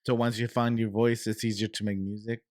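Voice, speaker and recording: A man hosting a casual podcast interview, asking relaxed questions with slang like "bro" and some swearing. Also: on the low side, a little fast, no room sound, clean studio sound. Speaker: podcast host.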